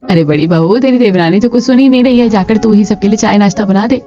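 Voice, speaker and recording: A woman's voice: mid-range voice, fast, natural voice. A woman voicing a stern, bossy mother-in-law in a cartoon. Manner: bossy, scolding. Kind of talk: cartoon voice acting. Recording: lo-fi with soft music.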